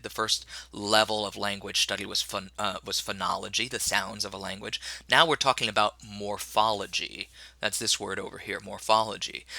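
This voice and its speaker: A man's voice: lowish voice, creaky, sharp tone, no echo. A man teaching a recorded lecture, rambling with many fillers and correcting himself as he goes.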